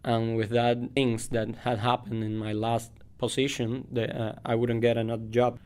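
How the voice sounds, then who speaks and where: A man from Cuba, giving a measured, plain-spoken account in a documentary interview. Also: medium pitch, level tone, a little mellow, clear, resonant tone. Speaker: asylum seeker interviewee.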